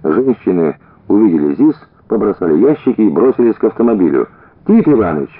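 A man reading a story aloud as narrator, changing his pitch for the different characters. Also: expressive, fast. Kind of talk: audiobook reading with voiced dialogue. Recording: tinny narrow-band radio recording.

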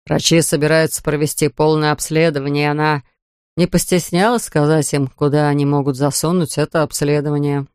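A reader voicing a tired, gentle middle-aged fisherman who speaks slowly and evenly, read close to a dry studio mic. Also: mid-range voice, flat delivery, smooth, no room sound, close to an everyday voice. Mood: calm.

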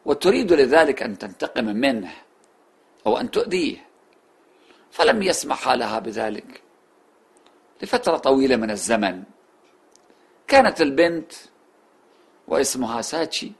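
Man, religious speaker, husky voice, middle pitch, moral story, sharp rises, hushed endings. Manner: lively moral storytelling with sudden rises and soft drops.

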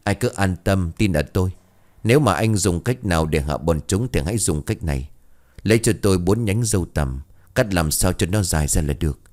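A man voicing a calm, confident old ghost-hunter. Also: low-pitched, brisk. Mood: assured.

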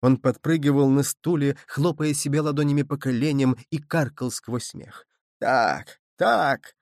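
A man reading a story aloud as an audiobook narrator, measured and even. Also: a little high, dry recording, clean studio sound.

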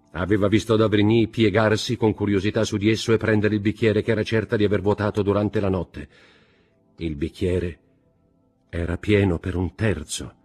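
A man reading a classic novel aloud in a measured, grave, dramatic way. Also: deep voice, darkish tone, breathy edge. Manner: measured and grave, with acted dialogue. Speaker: audiobook reader.

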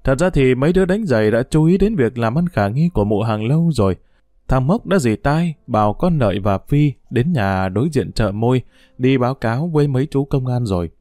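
Expressive male audiobook narrator. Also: mid-range voice, a little fast, no echo. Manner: expressive, storytelling. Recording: dry close mic with faint music.

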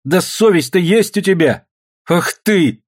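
A man's voice: animated, unhurried. A man voicing a furious young daughter scolding her father in an audiobook. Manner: scolding, shrill. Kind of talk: audiobook character voice.

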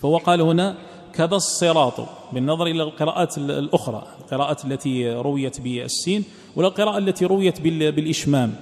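A man with a darkish voice teaches a text line by line, repeating phrases and letting his sentences fade into a low murmur. The recording carries a long hall reverb.

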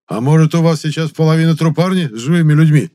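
Investigator, male, snide and barking, high and loud; male reader. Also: fast, natural voice. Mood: sarcastic. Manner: sarcastic, barking.

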